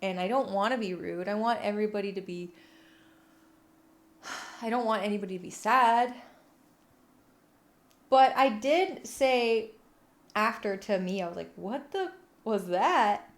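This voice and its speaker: A woman livestreamer chatting casually with viewers in a playful, cutesy, giggly and animated way. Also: mid-range voice, unhurried, long pauses. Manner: animated, expressive delivery. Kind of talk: casual live chat. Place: room at home.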